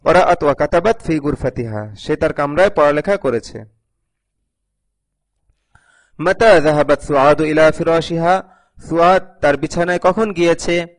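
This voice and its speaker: A man's voice: fairly high pitch, a little slow, pauses often. A male teacher giving a recorded video lesson, patiently reading sentences aloud and translating each one, often repeating them. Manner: reads each sentence, then translates it line by line; patient, repeats phrases for learners. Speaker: Arabic teacher.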